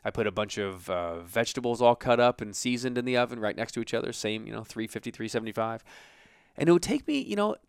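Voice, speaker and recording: A man's voice: mid-range voice, animated, fast talker, vocal fry, smooth, dry recording, clean studio sound. An American man giving an informal motivational talk as a coach, conversational and emphatic, voicing imagined self-talk, recorded in a basement office. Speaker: self-help coach and show host.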